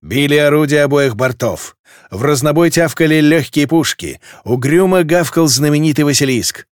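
A man's voice: a little high, moderate pace, dry recording, clean studio sound. A man reading a dramatic naval battle story as scripted audiobook narration.

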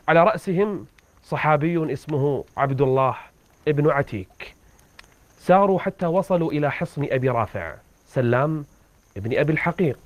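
A man preaching and retelling an old story with dramatic rises in his voice. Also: no room sound. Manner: dramatic storyteller, rising pitch at tense moments. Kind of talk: religious storytelling sermon.

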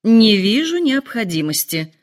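A woman voicing a calm, dryly ironic middle-aged husband in a storybook reading. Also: fairly high pitch, unhurried, voice pushed up. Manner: dry, calm, mildly ironic.

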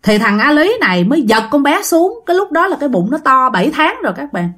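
A woman's voice: high-pitched, big pitch swings, fast, fairly bright tone. A woman telling a ghost story in a chatty way, often addressing her listeners.

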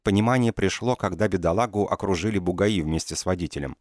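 A man narrating an audiobook in a measured, ironic storytelling manner. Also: sits low, a little mellow, no echo, studio quality. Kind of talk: scripted narration.

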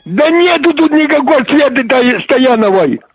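A man's voice: very high voice, expressive, a little slow, no echo. Irritated man answering the phone. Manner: impatient, irritated, keeps asking who is calling. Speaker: call recipient.

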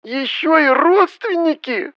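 A man putting on a fretful middle-aged mother with a high, pleading voice that sobs over every worry. She sounds a little muffled, as if the sound was dulled. She is a snobbish storybook figure. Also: expressive, moderate pace, no echo. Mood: wailing. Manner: wailing, pleading, high-pitched.

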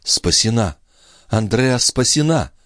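A man's voice: medium pitch, lively intonation, takes it slowly, a bit bright, dry recording, studio quality, voice pushed up. A man reading an anguished, hot-tempered young nobleman. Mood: urgent. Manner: emotional, raises his voice. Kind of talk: audiobook reading.

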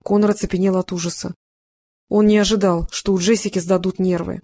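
Narrator: mid-pitched, measured, scripted audiobook reading. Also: level tone, warm tone.

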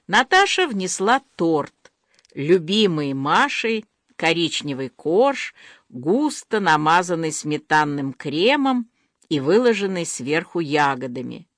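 A woman narrating an audiobook in an expressive, storytelling manner. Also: low voice, slow pace, dry recording, clean studio sound.

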